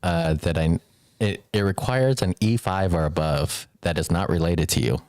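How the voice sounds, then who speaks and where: A man's voice: low voice, moderate pace, darkish tone, no echo, studio quality. A married man telling a story in casual chat, laid-back and laughing as he goes. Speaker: podcast co-host. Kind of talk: casual chat among friends.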